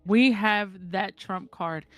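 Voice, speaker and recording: A woman's voice: mid-range voice, slow, no echo, soft background music. A woman in casual conversation, speaking bluntly and swearing freely as she tells stories. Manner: candid, blunt, swears freely, animated storyteller. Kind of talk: casual chat.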